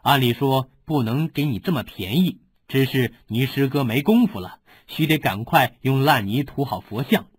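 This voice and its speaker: A man's voice: mid-range voice, expressive, normal speed, hardly any pauses, breathy edge, no echo. A man voicing a scheming, cruel older swordsman who gloats over a captured rival. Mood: sneering. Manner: sneering, gloating.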